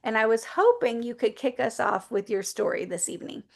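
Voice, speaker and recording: A woman with a slightly higher voice hosts an online video call in a chatty, upbeat way. She talks casually through announcements before bringing on a guest. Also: a little fast, creaky. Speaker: host.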